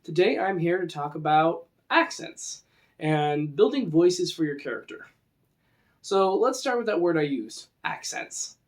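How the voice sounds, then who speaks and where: This man from the western US, speaking with a Western American accent, offers a conversational lesson in tabletop roleplaying. His high-leaning voice is very animated but kept to a measured pace.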